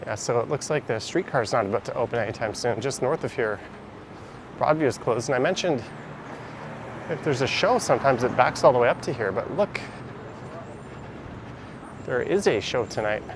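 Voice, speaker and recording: Man live-streaming a brisk city walk. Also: mid-range voice, lively intonation. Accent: Canadian. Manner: chatty, speaks while power walking. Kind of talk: casual walking commentary. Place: city streets outdoors. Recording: outdoor street noise. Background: traffic and street noise.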